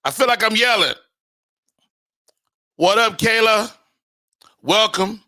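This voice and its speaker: A man hosting a casual live show, chatting informally with upbeat, slangy shout-outs. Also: sits high, slow. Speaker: show host.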